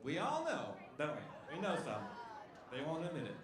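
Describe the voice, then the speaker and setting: A man's voice: on the high side, wildly swooping pitch, moderate pace. A male stand-up comedian doing a punchy, wry set, talking to the crowd from a club stage on a handheld mic. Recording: echoey club with loud crowd noise.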